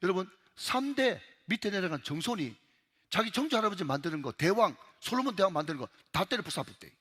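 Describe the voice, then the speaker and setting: A man's voice: sits high, very animated, fast talker, sharp tone, breathy edge, long reverb tail. A male pastor with a Gyeongsang accent preaching an emphatic sermon in a church, repeatedly calling out to the congregation. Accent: Gyeongsang Korean. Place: church sanctuary.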